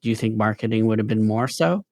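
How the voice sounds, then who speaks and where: A man's voice: on the low side, fast talker, a little mellow, no room sound, studio quality. A man hosting a conversational interview, friendly and affirming as he asks questions. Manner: friendly, laughs easily, affirming.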